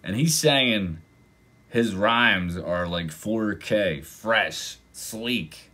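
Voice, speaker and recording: A man hosting a reaction video, casually commenting and getting excited, sometimes exclaiming loudly. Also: on the low side, drawn-out words. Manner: excitable, exclaims and breaks into mock voices.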